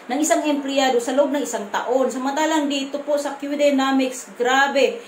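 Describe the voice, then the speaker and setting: A woman with a Visayan accent talks to her camera from home in a firm, blunt way, stumbling and restarting her words. Her voice sits high. The room has a marked echo and a faint hum of background noise. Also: fairly even intonation, normal speed. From Visayas, Philippines. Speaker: vlogger. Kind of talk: casual vlog to camera.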